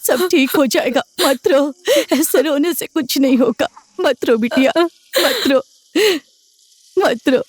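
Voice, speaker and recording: A woman dubbing an older woman who gently consoles a weeping young woman. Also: sits high, takes it slowly. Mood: soothing. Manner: soothing, repetitive. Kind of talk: Hindi film dubbing. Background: background film music.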